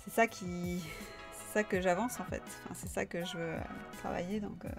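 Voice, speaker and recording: A woman's voice: fairly low pitch, fairly even intonation, moderate pace, music in the background. A young woman from France hosting a live stream, chatting loosely with viewers, full of fillers and restarts. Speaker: livestream host. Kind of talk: casual live chat with viewers.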